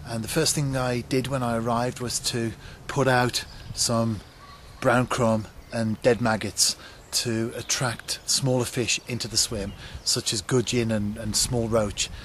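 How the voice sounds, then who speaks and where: A middle-aged man casually explaining his fishing to a handheld camcorder outdoors on a canal bank, relaxed and chatty with frequent ums. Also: mid-range voice, measured pace. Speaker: angler vlogger. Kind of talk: casual fishing vlog to camera. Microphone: camcorder at arm's length. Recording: outdoor camcorder with clear background noise.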